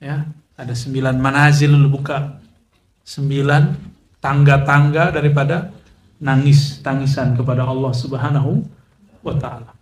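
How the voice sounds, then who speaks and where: A man's voice: mid-range voice, fairly even intonation, a little slow, long pauses, reverberant. A man preaching a casual religious lecture, joking with listeners, mixing in recited Arabic. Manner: chatty, joking asides, Arabic recitation mixed in. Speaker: Islamic preacher.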